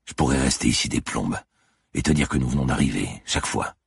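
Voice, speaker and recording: Picture a predatory police lieutenant who taunts in a quiet, half-whispered menace, as a male reader puts him on. His voice is extremely deep, gravelly and breathy. The sound is close and dry, in a storybook reading. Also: brisk, no echo, exaggerated voice. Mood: menacing.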